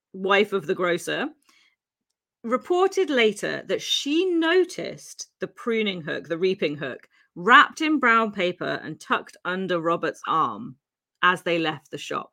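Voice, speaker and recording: A woman's voice: mid-range voice, creaky, bright, forceful tone. A Welsh-born woman co-hosting a podcast, telling a true-crime story in a chatty way, with fillers and frequent laughs. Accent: English with faint Welsh traces. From Wales. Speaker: podcast co-host.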